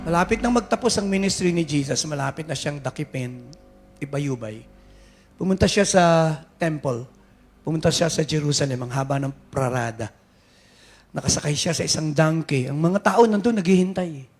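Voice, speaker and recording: A man with a Filipino accent preaching a sermon as pastor, switching between Tagalog and English and rising at times to shouts. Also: fairly high pitch, expressive, moderate pace, slightly rough. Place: church sanctuary.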